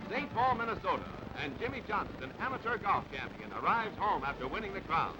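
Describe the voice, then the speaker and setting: This newsreel announcer reads his script briskly in clipped, dramatic phrases, his high voice swinging widely in pitch. The audio is dull and band-limited, with background noise and loud music.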